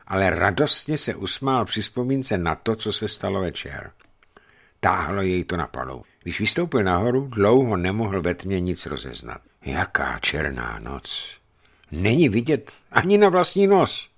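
A man narrating an adventure story in a measured, dramatic reading voice. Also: deep voice, fairly bright tone. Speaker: audiobook reader.

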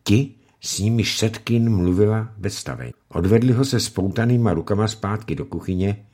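Deep husky male storyteller. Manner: expressive storytelling. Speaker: narrator. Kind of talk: audiobook reading.

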